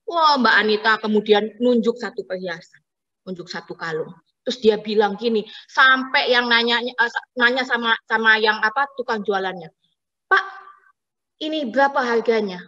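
Woman stand-up, bright and fairly high, wry satirical grumbling, slightly dull lo-fi sound. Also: normal speed, long reverb tail. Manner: wry, mock-complaining, acts out voices in her stories. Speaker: stand-up comedian.

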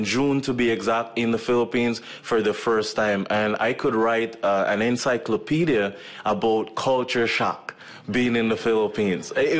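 Speaking at medium pitch into a stand mic on a lectern, a Jamaican man in his thirties who works as a medical missionary tells a church audience his personal story. The auditorium stage has a curtain backdrop, and his easygoing delivery is sprinkled with frequent fillers like um and uh.

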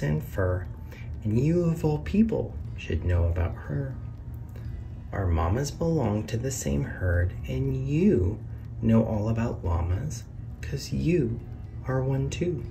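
This read-aloud narrator has a mid-range voice with vocal fry, very animated but slow, giving a sing-song lift to each question and reveal in a children's picture book. The camera hangs over the book, showing his hands on the pages. The mic is distant and the background noisy.

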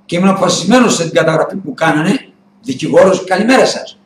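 A middle-aged man hosting a web TV show, talking heatedly in a casual monologue, swearing and answering viewers. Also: fairly high pitch. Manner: heated, swearing ranter, mimicking dialogues. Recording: echoey room, faint ambient noise.

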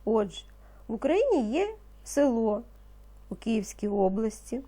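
A woman leads a reading lesson for young children. Her fairly high voice rises and falls in a lively way as she pronounces each word slowly and with care. She sounds patient and encouraging. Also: slightly rough. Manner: slow, patient, encouraging, pronounces words carefully. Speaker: primary school teacher.

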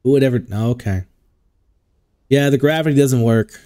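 A man's voice: medium pitch, normal speed, dark tone, clear, resonant tone. A man giving crude, joking commentary while playing a video game, swearing often. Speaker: gaming streamer. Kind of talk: let's play commentary.

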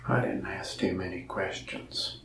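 Playing a shopkeeper in a soft-spoken ASMR roleplay, a young man whispers in a low, gravelly, fry-laden voice with little pitch movement. He drifts through slow, rambling, folksy asides, and the sound is roomy, a bit far from the mic.

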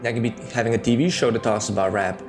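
Over background music, a man in his thirties with a Serbian accent talks fast in a lowish voice with fairly even intonation. He's a YouTuber recording a casual talking-head monologue in a small room at home, candid and conversational with lots of fillers. He sits close to a studio mic on a boom arm.

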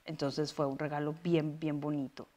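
A woman's voice: deep voice, flat delivery, normal speed, warm tone. A middle-aged woman with a Mexican accent, an actress and guest in a casual interview, telling family stories with lots of filler phrases. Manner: chatty storytelling, frequent filler phrases.

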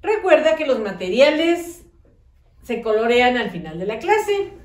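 A woman teaching young children to read and write, dictating words slowly and clearly, gently praising and coaxing them, with a Mexican Spanish accent. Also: fairly high pitch. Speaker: primary school teacher. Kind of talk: slow, patient early-literacy lesson. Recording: echoey room, voice a bit far from mic.

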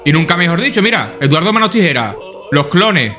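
A man's voice: a little high, big pitch swings, fairly quick, bright, forceful tone, soft background music. A man doing casual let's-play commentary, swearing often and thinking aloud to himself. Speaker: gaming YouTuber.

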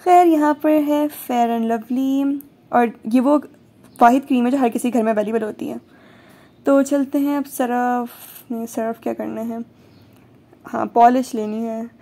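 Brief: young woman vlogger from Pakistan, slightly high but mellow voice, chatty and joking, on a phone camera in a supermarket. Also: steady tone, unhurried. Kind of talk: casual vlog narration. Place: large supermarket, indoors.

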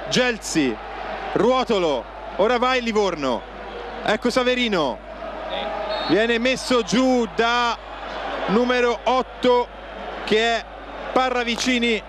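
A man's voice: extremely high pitch, animated, a little slow, long pauses. A man giving live football play-by-play in clipped phrases, calling out players' names. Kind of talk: live match commentary. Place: outdoor football stadium stand. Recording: noisy outdoor stadium TV broadcast.

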